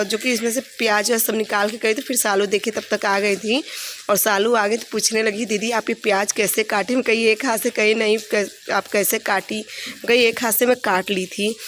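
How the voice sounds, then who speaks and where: A woman's voice: mid-range voice, a bit bright, a little hiss or hum. A woman narrating her home vlog in a chatty, rambling way, with many fillers and restarts. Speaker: vlogger. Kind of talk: casual home vlog voice-over.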